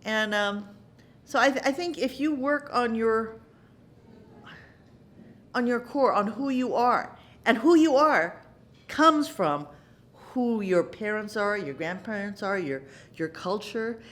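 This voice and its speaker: A middle-aged woman in a theater interview, her pitch rising and falling freely as she talks. She reflects on her work in an animated, earnest way. She often doubles words for emphasis and brings quoted lines to life as she goes. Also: slow. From United States. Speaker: actress interviewee.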